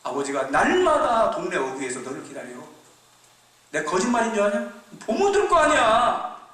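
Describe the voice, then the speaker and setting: A man voicing an insistent elder brother scolding and hauling his younger sibling home, in a high lively voice, recorded from afar in an echoey church hall. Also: normal speed, distant mic. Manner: insistent and scolding, then shouting out loud.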